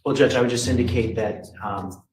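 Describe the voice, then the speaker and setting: A man, a prosecutor, questioning a witness in formal, measured tones, heard in a courtroom recording. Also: medium pitch, fairly even intonation, darkish tone. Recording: echoey courtroom with faint noise.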